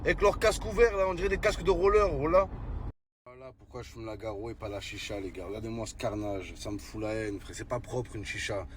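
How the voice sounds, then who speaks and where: A man's voice: lowish voice, fairly quick, a little hiss or hum. A man with a French urban street accent tells comic stories in casual street slang, exclaiming with mock indignation. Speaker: comedian telling stories to the camera.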